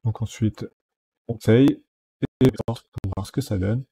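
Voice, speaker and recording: Husky, dark-voiced man walking through software steps. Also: lowish voice, measured pace. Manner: step-by-step, many fillers like "donc" and "euh". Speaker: software tutorial host. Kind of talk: screen-recorded software tutorial.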